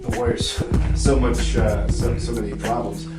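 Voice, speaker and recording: A man's voice: mid-range voice, measured pace. A man co-hosting a casual sports debate, giving long-winded, hedging analysis in a rambling way. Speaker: sports podcast co-host. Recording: roomy, distant mic with music behind. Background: music.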